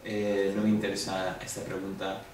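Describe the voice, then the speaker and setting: A man's voice: low-pitched, monotone, normal speed. A man with a Spanish accent giving a review lesson to a class, explaining step by step and asking the students questions. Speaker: Greek teacher. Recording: echoey room, distant mic, faint hum.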